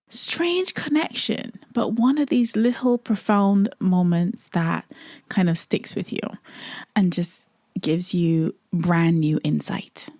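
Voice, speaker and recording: Musing earnestly on her solo podcast, a middle-aged Barbadian woman repeats phrases to drive her points home. Her mid-range voice has a darkish tone, captured in a dry, studio-quality recording.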